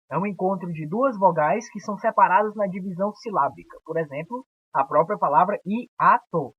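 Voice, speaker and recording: A young Brazilian man gives a recorded grammar lesson, his voice husky and a little breathy. He explains patiently and draws syllables out slowly. The sound is dry and dull, like a lo-fi home recording in a small room. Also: sits high, no room sound. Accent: Brazilian Portuguese. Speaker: teacher.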